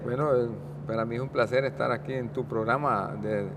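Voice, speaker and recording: A man in his sixties from Guanacaste with a Guanacaste Costa Rican accent, a guest talking in a casual interview, rambling and halting with many restarts. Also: mid-range voice, steady tone, a little hiss or hum. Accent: Guanacaste Costa Rican Spanish. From Costa Rica, Guanacaste. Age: 60s.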